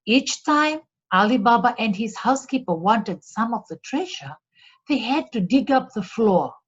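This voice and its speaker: A woman with a fairly high, husky voice reads a children's story aloud, unhurried and deliberate, her voice rising and falling expressively. She's a storyteller for a read-along doing scripted narration, and the recording sounds a little dull.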